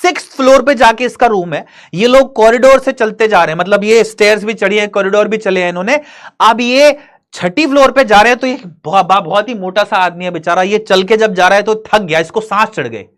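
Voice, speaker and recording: A man teaching an English story to students, reading lines slowly and explaining them in Hinglish. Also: sits high, fairly bright tone. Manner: addresses students directly, asking and answering his own questions.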